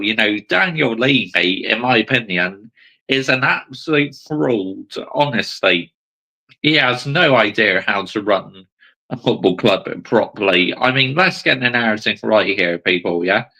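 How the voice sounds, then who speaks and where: A man's voice: mid-range voice, creaky, bright, forceful tone, low-quality recording. A man hosting a football channel, reacting to a clip with blunt, casual commentary and swearing.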